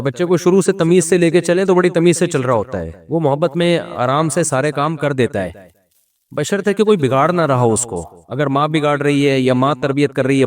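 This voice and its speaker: A middle-aged man with a Pakistani Urdu accent, giving informal religious advice on raising children, telling stories with joking asides and rhetorical questions. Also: medium pitch. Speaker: Islamic scholar giving advice.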